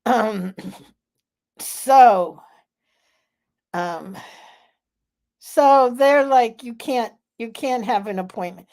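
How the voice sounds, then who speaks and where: A woman in her seventies hosting a live vlog, telling a story in a slow, chatty way with many fillers. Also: on the high side, a little mellow. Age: 70s. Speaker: vlog host. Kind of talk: casual live vlog chat.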